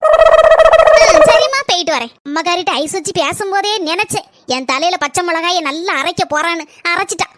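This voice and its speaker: A woman doing a shrill nagging old mother-in-law. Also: expressive, a little fast, fairly bright tone, a little hiss or hum. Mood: bossy. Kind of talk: cartoon comedy voice acting.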